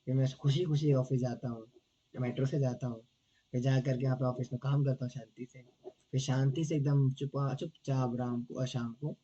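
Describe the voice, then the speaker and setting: A hoarse man teaching a devotional scripture class in a casual, chatty way, often teasing and checking in with his listeners. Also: mid-range voice, level tone, moderate pace, mellow, dull audio.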